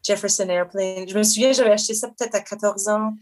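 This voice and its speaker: A woman's voice: mid-range voice, steady tone, fast, faint music behind. A woman with a Québécois French accent, chatting casually as a guest musician, rambling with many fillers and restarts and slipping in English words. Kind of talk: casual chat.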